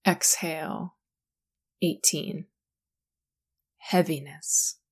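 A woman guiding a sleep meditation in a calm, soothing, slow manner. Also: low-pitched, husky. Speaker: meditation guide.

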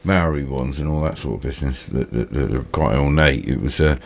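A British man with toothless, slightly slurred speech, hosting a casual film chat in a halting, repetitive, rambling way. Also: extremely low pitch, creaky. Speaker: film discussion host.

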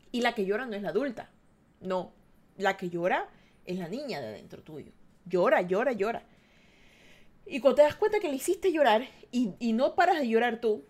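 A woman's voice: on the high side, darkish tone. An adult woman hosting a podcast, giving an earnest, reflective monologue and speaking directly to her listeners. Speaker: podcast host.

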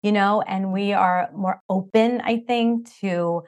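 A woman's voice: medium pitch, steady tone, slow pace, a little mellow. A middle-aged woman talking as a podcast guest in an enthusiastic, rambling way, full of "like" and "you know.". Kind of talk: casual interview chat.

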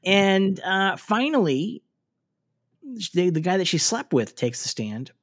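A man's voice: high-pitched, sing-song, takes it slowly. A man co-hosting a casual podcast, recapping a TV episode in a chatty way with frequent fillers and restarts. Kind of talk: casual chat.

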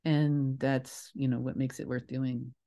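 With a very deep, mellow voice, a level tone and a measured pace, this woman speaks as a guest in a conversational interview. A theatre writer and creator, she is reflective, wanders into asides and corrects herself as she goes.

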